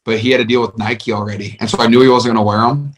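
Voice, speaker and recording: A man's voice: medium pitch, fairly even intonation, racing. A man, a football player, chatting upbeat on a podcast, often saying "like". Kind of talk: casual chat.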